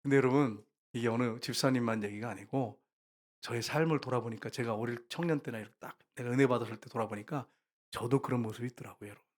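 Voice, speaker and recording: A man preaching a sermon to his congregation as their pastor. He speaks with emphasis and often rises to loud, repeated calls to the listeners. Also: medium pitch, fast talker. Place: church sanctuary.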